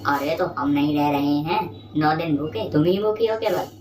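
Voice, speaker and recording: Woman doing a very low-voiced, stern cartoon husband; echoey room. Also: moderate pace, a little mellow, natural voice. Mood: reproachful. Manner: stern, reproachful. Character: upset young husband, sternly scolding. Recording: echoey room, distant mic, faint noise.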